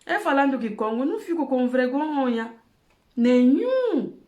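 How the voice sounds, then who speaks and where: An Angolan woman with an Angolan Portuguese accent delivers earnest, emphatic advice in an impassioned monologue from her home in Germany. Her voice sits high and swings widely in pitch, unhurried and a little mellow, with a roomy sound.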